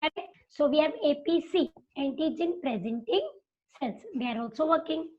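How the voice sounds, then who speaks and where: A woman's voice: sits high, mellow. A woman teacher with an Indian accent giving an online biology lecture, explaining step by step in Hindi and English and checking that students follow. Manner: explains slowly, switching between Hindi and English, checking understanding. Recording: dull lo-fi online class audio.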